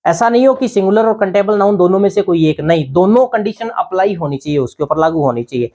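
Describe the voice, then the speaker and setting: A man's voice: sits high, lively intonation, fast, a little mellow. Male teacher checking "thik hai na?". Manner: explains step by step, asks and answers own questions. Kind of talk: grammar lesson.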